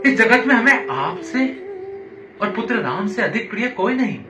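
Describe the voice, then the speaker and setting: A man playing a lovesick, anguished emperor in a Ramayana stage monologue, declaiming grandly to his sulking queen and swinging between hushed and loud delivery. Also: high voice, expressive, moderate pace, noisy background. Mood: imploring, devoted. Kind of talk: theatrical Hindi stage monologue from a Ramayana play. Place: theatre stage, with music behind the voice. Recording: echoey theatre hall, distant mic.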